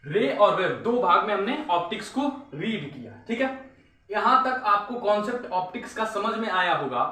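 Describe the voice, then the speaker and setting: A male physics teacher giving a classroom lecture, often stopping to ask his students if it is clear. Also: high voice, sing-song, moderate pace, sharp tone. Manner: repetitive, keeps asking "is it clear", says "my dear students". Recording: echoey room, mic far off.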